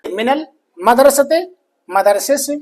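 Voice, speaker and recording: A man teaching a grammar lesson, slowly repeating each phrase and answering his own questions. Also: extremely high pitch, expressive, darkish tone. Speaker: Arabic teacher.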